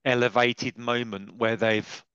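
A man's voice: medium pitch, level tone, unhurried, dull audio, over a noisy crowd. A man hosting a casual conversation, hesitant and self-deprecating. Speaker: podcast host.

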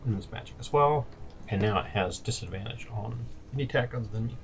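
A man's voice: mid-range voice, quick pace. A man chatting casually as a player in a tabletop role-playing game. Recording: clear background room noise.

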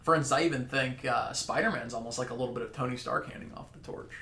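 A man's voice: medium pitch, fast, creaky, sharp tone, reverberant, slight background noise. A man co-hosting a podcast, chatting eagerly as a fan. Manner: enthusiastic, chatty fan talk. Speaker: podcast co-host. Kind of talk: casual chat.

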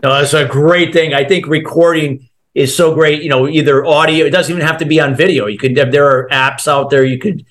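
A man's voice: on the high side, steady tone, fairly quick, a bit bright. Affirming male interview host. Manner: affirming, praises the guest's tips. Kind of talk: casual interview talk.

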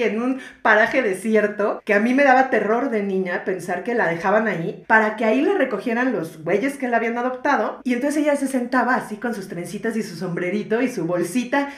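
In an echoey room, a podcast co-host speaks with a fairly high-pitched voice and a Mexican Spanish accent. She keeps the book talk casual, full of slang and frequent laughter.

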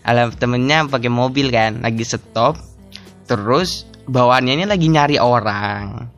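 A young man hosts his own podcast alone, rambling through thoughts in a mid-pitched voice. He cuts himself off mid-word and laughs often, and faint music sits quietly under his talk. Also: unhurried. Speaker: podcast host. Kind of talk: casual solo podcast chat.

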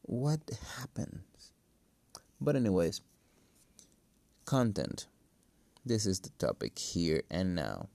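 Guy w a cracking voice, second-language english, slow halting podcast ramble, mellow and gravelly. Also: low voice, huge pitch swings, dry recording. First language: not English. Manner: halting, hesitant, thinking aloud. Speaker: podcast host. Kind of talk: casual solo podcast monologue. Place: empty room. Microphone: phone.

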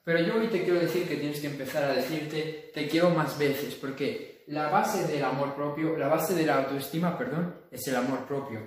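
A man's voice: a little high, moderate pace, hardly any pauses. Earnest Spanish man in an echoey room. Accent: Spain Spanish. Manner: earnest, rhetorical questions, animated. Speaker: motivational vlogger. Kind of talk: self-help talk to camera.

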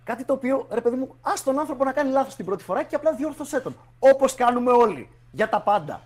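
A husky-voiced man talks in a casual podcast chat. His pitch swings widely as he argues his point with lively energy, dropping slang as he goes. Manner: animated, argumentative, mixes in English slang.

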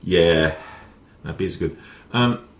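Deep gravelly man hosting a podcast. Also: slow. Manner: rambling, many restarts and fillers. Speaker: podcast host. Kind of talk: casual podcast chat. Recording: echoey room, faint ambience.

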